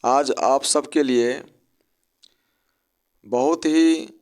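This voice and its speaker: A man's voice: medium pitch, very slow, darkish tone. A man teaching an English spelling lesson, breaking words into syllables and spelling them out letter by letter.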